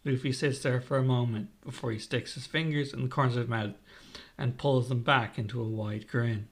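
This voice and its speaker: A man reading his own fan-fiction story aloud in an even narrating voice. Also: medium pitch, a little fast.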